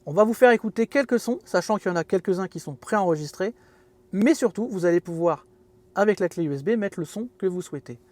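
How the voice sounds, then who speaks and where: A man's voice: sits high, animated, fast talker, a little mellow. A man hosting a casual car walkthrough from inside his parked car, chatty and fond of self-mocking jokes. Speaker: car video host.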